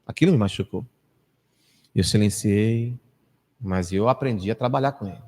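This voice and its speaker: A Brazilian man in his fifties giving a storytelling lecture to a live audience, acting out quoted people and dropping to a hush at times. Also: normal speed. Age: 50s. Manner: anecdotal, acts out quoted people with big pitch swings, drops to a hush. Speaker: spiritist lecturer. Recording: echoey hall reverb.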